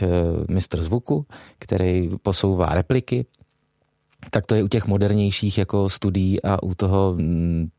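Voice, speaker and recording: A man's voice: sits low, a little mellow, dry recording, studio quality. A man, a voice actor being interviewed, speaking hesitantly with many fillers and restarts. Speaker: voice actor guest. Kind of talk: interview chat.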